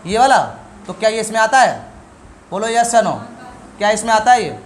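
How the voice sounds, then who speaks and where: A man's voice: high-pitched, moderate pace, a little hiss or hum. A middle-aged male teacher giving a classroom lesson, asking questions and answering them himself while drilling sounds.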